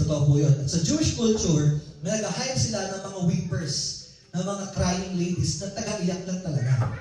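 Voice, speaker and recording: A man's voice: sits high, dark tone. A man preaching a sermon in a personal, conversational storytelling way, heard in a church hall. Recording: very echoey hall, voice from far off.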